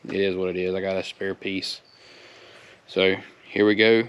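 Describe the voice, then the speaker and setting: A man's voice: low-pitched, little pitch movement, normal speed, fairly bright tone, clean tone. A man with a Southern US accent who sounds a little sick, talking folksy and plain-spoken in a casual DIY vlog. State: under the weather, sounds sick. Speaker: DIY vlogger.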